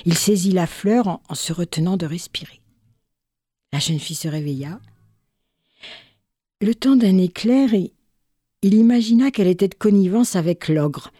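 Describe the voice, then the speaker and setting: A woman reading a literary fairy tale aloud with measured, expressive narration. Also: lowish voice, dry recording, clean studio sound. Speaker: storyteller.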